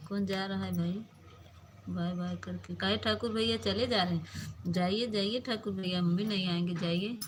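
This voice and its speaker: A woman's voice: mid-range voice, fairly even intonation, moderate pace, slight background noise. A woman hosting a casual phone live stream, greeting viewers by name and teasingly scolding them. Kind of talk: casual live-stream chat reading comments.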